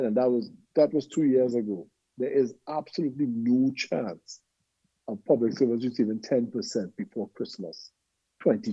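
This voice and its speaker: A man's voice: mid-range voice, dark tone, slightly rough, no echo, dull audio. A man with a Trinidadian accent, a guest on a call-in talk show, speaking emphatically and often tagging "right?".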